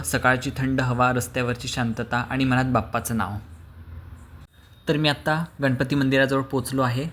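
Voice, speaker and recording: A man narrating his travel vlog as a calm, even tour guide, with occasional hesitant fillers. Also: medium pitch, slight background noise. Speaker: vlogger.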